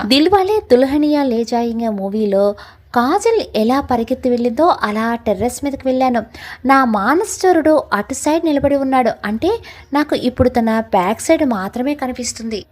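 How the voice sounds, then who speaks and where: A woman's voice: high-pitched, a little mellow, rough recording. A young adult woman storyteller narrating a love story in the first person, with an emotional, dramatic reading.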